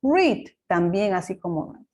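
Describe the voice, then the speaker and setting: Patient teacher. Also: female voice, mid-range voice, very animated, unhurried, a little mellow. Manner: patient, explains step by step with check questions. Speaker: English teacher. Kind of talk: recorded online lesson.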